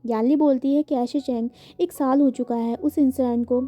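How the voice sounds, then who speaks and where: A woman's voice: sits high, fairly even intonation, normal speed, warm tone. A woman reading a fan fiction story aloud, speaking every character's lines in her own voice and mixing in English words. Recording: dull lo-fi with faint music.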